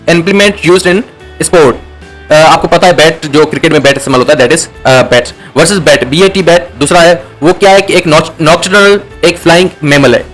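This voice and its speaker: A man explaining a lesson over slides, slowing down to read English definitions and often checking that students follow. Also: on the high side, a bit bright. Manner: repeats "theek hai ji" to check understanding. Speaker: teacher.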